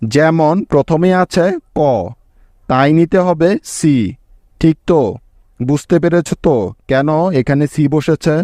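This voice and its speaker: Male teacher, patient lesson voice, spells letter by letter, slightly high pitch, dry close-miked recording. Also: fairly even intonation, mellow, no room sound. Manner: slow, patient, spells out letters one by one and quizzes the viewer.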